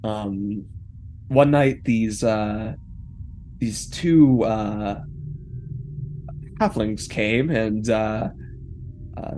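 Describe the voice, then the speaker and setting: A man voicing a laid-back, apologetic undead corpse musician in a tabletop game, speaking in halting, hesitant phrases. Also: lowish voice, animated, warm tone, pitched below the performer's own voice, heavily acted. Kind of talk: in-character tabletop role-play. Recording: clear background room noise.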